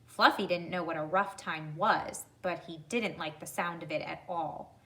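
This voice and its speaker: This woman's pitch sits fairly low, and her tone is fairly bright. She's reading a story aloud for children, addressing them deliberately and breaking off to ask them questions.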